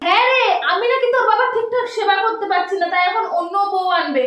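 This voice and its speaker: A woman's voice: extremely high pitch, fast, a bit bright. A woman playing an angry, overworked middle-aged housewife who scolds shrilly and complains in a sing-song voice, recorded in an echoey room. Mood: scolding. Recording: echoey room, distant mic, noisy.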